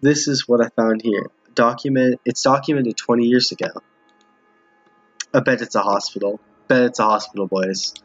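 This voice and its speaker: A man with a husky, mid-pitched voice and a steady tone gives casual commentary while streaming a visual novel for viewers, speaking at normal speed. He reads the text aloud, stumbling and repeating lines at times. The home recording sounds dull, muffled, and a bit roomy.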